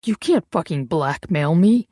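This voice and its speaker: A woman reads a desperate drunk ex-husband in an audiobook. He snarls crude demands at a slow pace. The sound is dry and close. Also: fairly low pitch, animated, warm tone, dry recording. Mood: spiteful.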